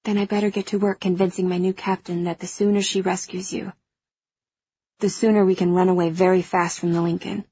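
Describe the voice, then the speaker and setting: A fierce young female hacker on a spaceship, protective and firm. Her voice is husky, urgent and reassuring. The audiobook drama is recorded very dry, with a slightly dull tone. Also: lowish voice, flat delivery, brisk, mellow, no echo. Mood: defiant, determined.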